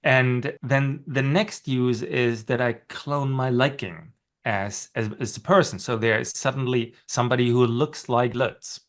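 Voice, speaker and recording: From his home office, a middle-aged man with a clear German accent, a panelist and course instructor, explains his ideas on a webinar panel. His mid-range voice keeps a steady tone at a measured pace, loose and conversational, with frequent "right?" check-ins and occasional self-deprecating laughs.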